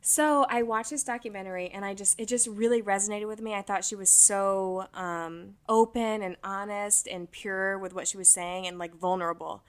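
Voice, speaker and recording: A woman's voice: medium pitch, steady tone, moderate pace, few pauses. A woman in her twenties co-hosting a podcast, telling frank stories in casual chat and laughing easily. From American South. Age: 20s. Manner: frank, chatty storyteller, swears and laughs easily. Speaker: podcast co-host.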